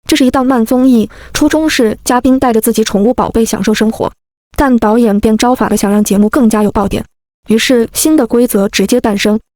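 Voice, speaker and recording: A woman narrating a first-person story in a lively, wry, comic manner. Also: on the high side, fairly quick, dry recording.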